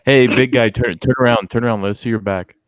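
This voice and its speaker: A man's voice: medium pitch, fairly quick, no echo. A man joking and heckling from off camera during a live stream. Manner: teasing, crude, excitable. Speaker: off-camera guest. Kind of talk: casual chat.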